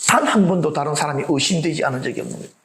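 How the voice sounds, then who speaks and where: A man preaching a sermon in an animated way, asking the congregation rhetorical questions and acting out the voices of the people in his story. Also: on the high side, rapid-fire, rough recording. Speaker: pastor.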